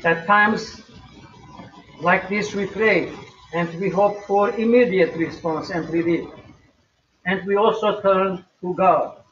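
An older man preaching a recorded sermon at home in a slow, measured way with emphatic rises. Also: high voice, fairly even intonation, a bit bright. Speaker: pastor. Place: small home room, indoors. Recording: echoey, distant, dull webcam audio.

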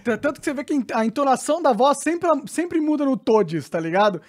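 High-voiced, exasperated, swearing Brazilian woman. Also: sing-song, brisk, darkish tone. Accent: Brazilian Portuguese. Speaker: podcast commentator. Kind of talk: sarcastic opinion commentary.

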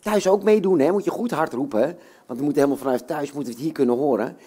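A puppeteer talking warmly to children before a show, coaxing them with many little questions. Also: mid-range voice, quick pace, husky. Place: bookshop, indoors.

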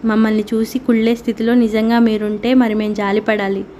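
Witty sharp-tongued housewife, read by a woman. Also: fairly high pitch, flat delivery, a little fast, a little hiss or hum, natural voice. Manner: shrewd, witty retorts.

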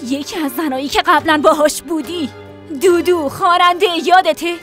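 A woman's voice: extremely high pitch, a bit bright, faint music behind. A woman dubbing an angry young adult daughter accusing her father. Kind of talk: Persian dub of a TV drama.

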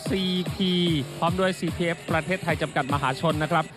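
A man with a high-pitched voice delivers excited boxing commentary and sponsor reads. His delivery is peppered with exclamations. Loud music runs behind him. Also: brisk. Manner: exclamatory, frequent interjections.

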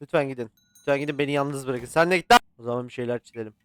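A man casually commentating a horror photography game, swearing and yelling at scares between calm muttering. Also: medium pitch, very fast, smooth, no room sound. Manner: swears and yells at jump scares, chatty with the game. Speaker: gaming channel host. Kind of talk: casual let's-play commentary.

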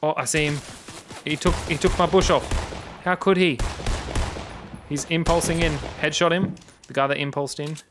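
A man chatting casually while playing a video game with friends, excitedly calling out enemies and plays. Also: on the high side, normal speed, long pauses. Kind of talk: casual gaming chat. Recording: gunfire and game noise behind.

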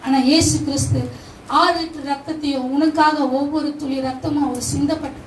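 High-voiced woman preaching in an echoey hall. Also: steady tone, moderate pace, slight background noise. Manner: rhetorical questions and emphatic repetition. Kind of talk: live sermon. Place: church meeting hall. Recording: echoey hall, distant mic, faint ambience.

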